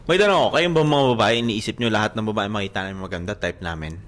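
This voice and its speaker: A man's voice: lowish voice, rapid-fire. A young Filipino man co-hosting a podcast, telling a story in casual chat and acting out quoted lines with laughs. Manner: animated, acts out quoted dialogue with laughs. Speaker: podcast co-host.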